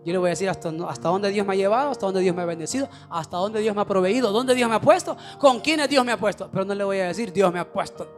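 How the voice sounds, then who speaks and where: A male pastor preaching a sermon, with shouted, sing-song climaxes and quieter, confiding asides. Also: high voice, fast, few pauses, soft background music. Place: church.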